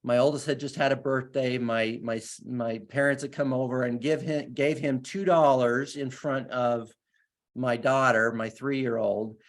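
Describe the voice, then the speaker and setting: A man's voice: medium pitch, fairly even intonation, unhurried. A man speaking as a guest, giving an earnest, enthusiastic motivational talk and then answering questions, often restarting his sentences.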